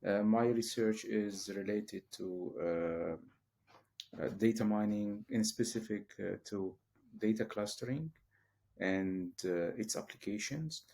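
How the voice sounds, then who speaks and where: Low gravelly man, hesitant. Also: slow pace, dark tone. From Syria. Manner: hesitant, many fillers and restarts. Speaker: guest, professor. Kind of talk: interview answers.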